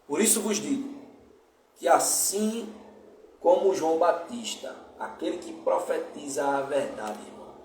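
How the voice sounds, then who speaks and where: A man's voice: on the high side, measured pace, a little mellow, slight background noise. A man preaching a sermon, speaking emphatically and calling his listeners brothers. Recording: echoey room, distant mic, faint ambience.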